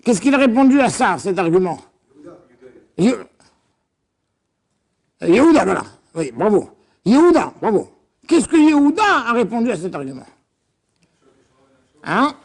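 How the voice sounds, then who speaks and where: A middle-aged male rabbi giving a lively Torah class, questioning his students and acting out biblical dialogue. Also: high voice, unhurried, long pauses. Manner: animated, questioning the audience, acts out biblical dialogue.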